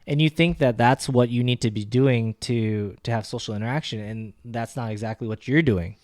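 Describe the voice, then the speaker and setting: A man's voice: mid-range voice, moderate pace, darkish tone, dry recording, clean studio sound. Chatty young man, "like" in every line. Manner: loose and chatty, heavy use of "like", joking asides. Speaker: podcast co-host. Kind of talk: casual podcast discussion.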